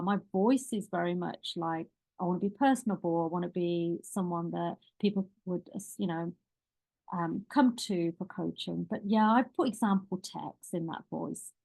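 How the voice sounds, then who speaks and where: A woman coach with a slightly low voice, talking her group through a live online workshop. She rambles in a relaxed, chatty way, breaking off and restarting her sentences as she goes. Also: creaky. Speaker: leadership coach.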